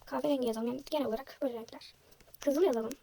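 Young woman, high voice, rapid self-deprecating chatter, a little hoarse, faint noise behind. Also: steady tone, dark tone. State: slightly hoarse, sore throat. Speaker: vlogger. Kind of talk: casual chat while drawing.

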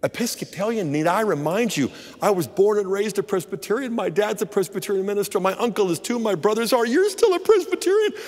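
A man's voice: big pitch swings, normal speed, few pauses, slightly rough, heavily acted. A man voicing his indignant young wife. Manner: raised pitch, exclaiming.

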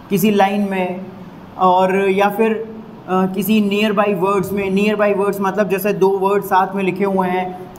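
High-voiced Hindi-accented male teacher. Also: a little mellow, slight background noise, low-quality recording. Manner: repetitive, emphatic, drills sounds slowly. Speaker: English teacher. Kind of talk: explaining a literary term to students.

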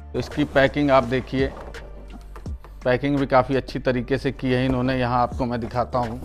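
With a mid-range voice and flat delivery at a moderate pace, this Indian channel host and product reviewer guides viewers through an unboxing and demo. He explains each step, repeats himself often, and speaks in a friendly, familiar tone over faint background music.

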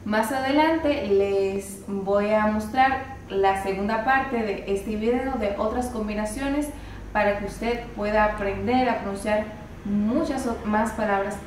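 Slow, patient woman teaching pronunciation. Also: medium pitch, recorded from a distance. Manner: slow, patient, spells out letters and repeats words. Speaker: English teacher. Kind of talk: pronunciation lesson. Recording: roomy echo, voice from afar, faint hiss.

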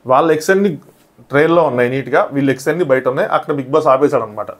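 Rapid-fire male show reviewer. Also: mid-range voice. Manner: rushed storytelling, briefly acting out quoted lines. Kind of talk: casual episode recap commentary.

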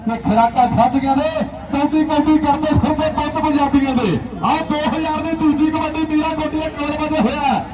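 A man's voice: very high-pitched, normal speed, hardly any pauses. A man giving frantic rural sports commentary on kabaddi, chanting names and repeated rhyming phrases. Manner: chanting, repetitive rhyming phrases and lists of players. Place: outdoor village sports ground. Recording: echoey outdoor PA, distant, crowd noise.

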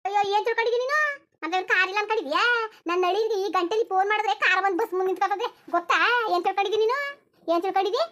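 A cartoon figure of a quarrelsome old village woman, voiced by a performer, shrill and scolding as she hurls boastful threats. The voice sits extremely high and races along very fast. Its tone is bright and sharp. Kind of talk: cartoon voice acting.

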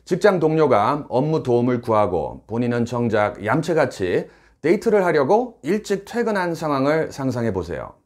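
Lively Korean man teaching English phrases. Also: medium pitch. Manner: clear, emphatic explaining with English phrases spoken slowly. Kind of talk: scripted lesson narration.

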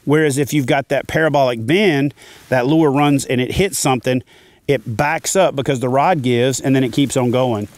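A middle-aged fishing channel host sits in a kayak on a lake, explaining fishing gear to camera in a confident, plain-spoken way. His mid-range voice moves at normal speed. The recording is dry.

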